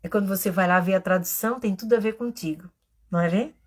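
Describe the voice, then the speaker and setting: A middle-aged Brazilian woman, an educator and therapist, giving a live online lecture, teaching with rhetorical questions and emphatic pauses. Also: medium pitch. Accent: Brazilian Portuguese.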